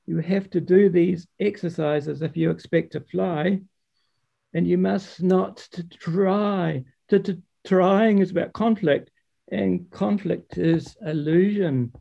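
A man voicing Father Frost, an old male sage who stutters on words starting with t while gently coaching. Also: high voice, fairly even intonation, vocal fry, highs cut off, voice pushed up, exaggerated voice. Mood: patient, coaxing. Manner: stutters on words with t, slow and soft. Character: stammering old male sage teaching flight.

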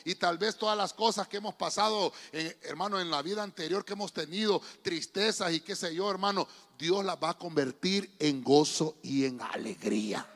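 Speaking at a moderate pace with hardly a pause, a pastor preaches in a somewhat bright voice that sits high. He calls out to his congregation and often calls them "hermano," brother, and the church hall lends the recording a long reverb.

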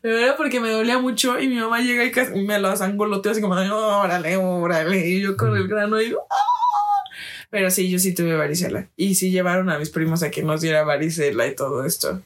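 A woman's voice: medium pitch, fast, few pauses. Teasing Mexican young woman. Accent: Mexican Spanish. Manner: teasing, animated storyteller. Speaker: podcast co-host. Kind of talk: casual chat.

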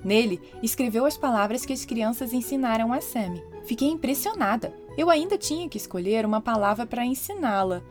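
A woman hosting a children's podcast, narrating a story in a lively storytelling voice. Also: on the high side, brisk, hardly any pauses, faint music behind.

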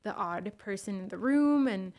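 A woman's voice: medium pitch, animated, moderate pace, darkish tone. A woman from California, a guest on a podcast, talking in a chatty, easygoing way with many fillers. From California, USA. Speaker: podcast guest, human resources professional. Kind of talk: casual interview chat.

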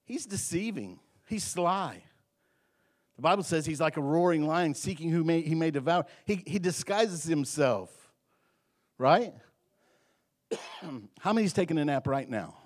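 A middle-aged man preaching an evening sermon in a church, swinging between loud and soft and repeating words as he goes. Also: fairly high pitch, moderate pace, long pauses. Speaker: pastor. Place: church sanctuary.

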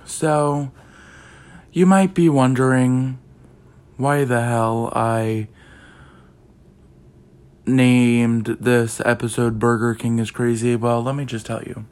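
Young male podcast host, casual rambling delivery, slow and monotone. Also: medium pitch. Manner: rambling, heavy use of "like" and "um". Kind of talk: casual chat.

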